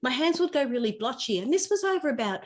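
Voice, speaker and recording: A woman with a high, sing-song voice speaks fast as a podcast guest. She talks conversationally as a spiritual teacher, explaining ideas through personal anecdotes and everyday examples.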